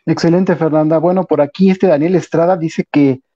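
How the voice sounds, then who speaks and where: A man hosting a live stream, reading viewer questions in a relaxed way. His voice is very dark and mellow, and the call audio sounds dull and muffled. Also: a little high, moderate pace. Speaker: host. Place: home room.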